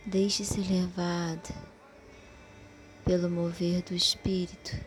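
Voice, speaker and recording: Slow, soothing woman leading meditation. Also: fairly low pitch, level tone. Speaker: guided meditation leader. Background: soft music.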